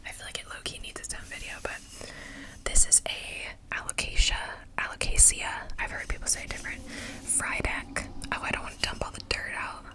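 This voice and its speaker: Whispering young woman, chatty vlog. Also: fast talker. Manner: whispering throughout, chatty and rambling with many fillers. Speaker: vlogger. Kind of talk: whispered casual vlog chat.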